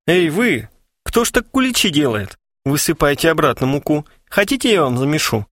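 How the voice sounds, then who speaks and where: A flippant young woman who is down on her luck, brisk and plainspoken, as a male narrator puts her on. Her voice sits a little higher and swings widely from note to note. The recording is close and dry. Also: big pitch swings, fairly bright tone, dry recording. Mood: pert. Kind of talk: audiobook character reading.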